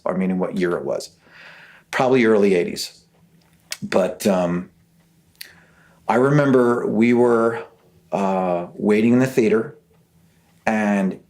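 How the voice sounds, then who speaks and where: A middle-aged male guitar teacher telling a casual story on his vlog in an animated way, acting out the voices of the people he quotes. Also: lowish voice.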